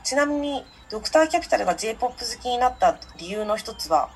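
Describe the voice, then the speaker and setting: A woman's voice: a little high, animated, very fast. A woman assisting on a radio show, reading listener mail politely and chatting with the host.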